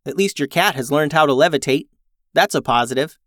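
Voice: mid-range voice, fairly quick, a bit bright, dry recording, studio quality, close to an everyday voice. A storyteller voicing a cheerful companion who speaks in a light, upbeat way. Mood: joking.

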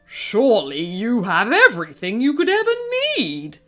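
A woman voicing a big, friendly male dragon who teases in a bold, loud way, with faint music behind. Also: medium pitch, huge pitch swings, moderate pace. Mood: teasing.

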